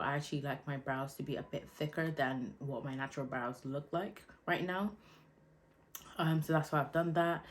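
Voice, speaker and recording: Young woman with a pretty low voice just chatting thru her makeup routine, easygoing, lots of "um" and "like". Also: a little hiss or hum. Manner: chatty, relaxed, with frequent fillers. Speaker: beauty vlogger. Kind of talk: casual makeup tutorial.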